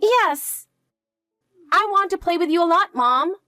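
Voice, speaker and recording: A woman putting on a high, clingy little schoolgirl. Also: lively intonation, unhurried, sharp tone, no room sound, studio quality, soft background music, full character voice. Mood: eager. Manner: high pleading questions, eager to please. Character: anxious clingy little schoolgirl, elementary age. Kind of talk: one-voice audio drama.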